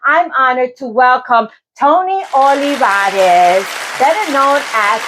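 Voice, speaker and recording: A woman hosting an interview show, asking measured questions with frequent ums. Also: sits high, animated, fairly bright tone, a little hiss or hum, low-quality recording. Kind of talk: hosted interview.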